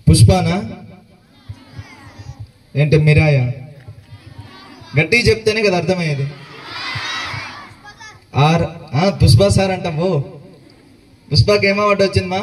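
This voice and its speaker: A man hosting a school event, loudly quizzing the children and singing along. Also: fairly high pitch. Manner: loud energetic, quizzes the crowd. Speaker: event host and singer. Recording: far from mic, music and crowd behind.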